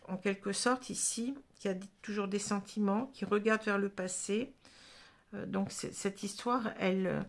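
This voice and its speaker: Gravelly-voiced woman reading tarot. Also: medium pitch. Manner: halting, full of "hein" and "vous voyez", restarts. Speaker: tarot reader. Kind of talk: casual tarot reading to camera.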